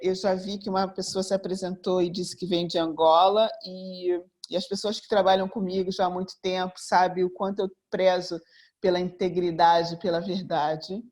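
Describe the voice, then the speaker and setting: Before a live audience in a room, a Brazilian woman in her fifties from Rio de Janeiro, a mentor and therapist, gives an earnest motivational seminar talk, returning again and again to one rhetorical question. She has a Brazilian Portuguese accent and a mid-range, slightly mellow voice.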